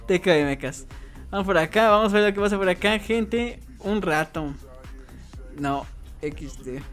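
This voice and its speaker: A live game streamer, chatting with viewers and yelling in frustration at other players during play. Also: medium pitch, sing-song, slow pace, long pauses, soft background music. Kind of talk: live gameplay commentary.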